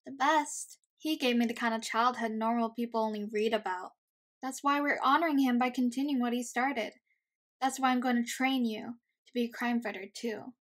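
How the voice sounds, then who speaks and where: High-voiced, tough Hit-Girl played by a woman. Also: normal speed, close to an everyday voice. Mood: earnest, bossy. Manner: confident, blunt, matter-of-fact. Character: tough, foul-mouthed, bossy young girl vigilante. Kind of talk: comic dub voice acting.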